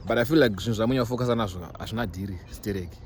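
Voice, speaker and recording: Talking very fast in a lowish, darkish voice, this young man with a Zimbabwean accent addresses his followers in a casual vlog. He drives points home by repeating himself and slips in English phrases, all captured on a phone amid noisy surroundings.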